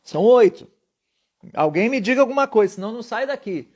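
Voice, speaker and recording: A man's voice: extremely high pitch, expressive, racing. A man teaching public speaking in a live-streamed lesson, emphatic, often putting questions to his viewers.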